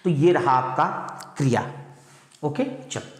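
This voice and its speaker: A male teacher giving an exam-prep grammar lesson, calling students "beta" and repeating key words slowly. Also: medium pitch. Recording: echoey hall.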